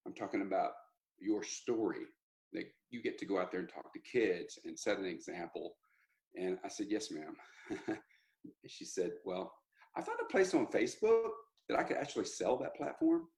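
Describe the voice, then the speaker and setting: Man, low voice, country singer guest, animated rambling storyteller. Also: moderate pace, vocal fry, low-quality recording. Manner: animated, rambling with restarts and laughs. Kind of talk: casual interview storytelling.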